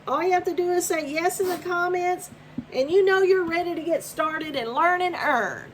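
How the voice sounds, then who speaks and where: A woman's voice: very high-pitched, moderate pace, a little hiss or hum. A woman, talking casually and encouragingly to camera in a home video. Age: 50s. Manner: upbeat, encouraging, repetitive. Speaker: vlogger. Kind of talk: casual promotional talk to camera.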